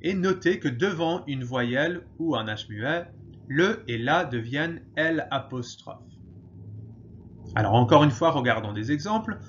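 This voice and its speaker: A man teaching French grammar in a slow, patient way, pausing often and switching to English to explain. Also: on the high side, animated, muffled recording, slight background noise. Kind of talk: grammar lesson.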